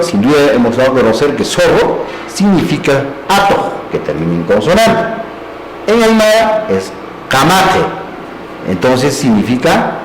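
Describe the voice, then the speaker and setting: A man giving a lecture on language, explaining step by step and often checking in with his listeners. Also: on the high side. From Peru. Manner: explanatory, with frequent "¿no?" and "entonces". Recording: echoey room, faint background hiss.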